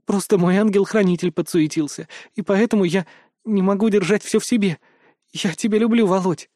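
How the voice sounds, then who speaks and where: Casting: male reader doing a lovestruck young woman, high-pitched, tearful and gushing. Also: fairly quick, warm tone, no room sound, clean studio sound, natural voice. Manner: emotional, gushing.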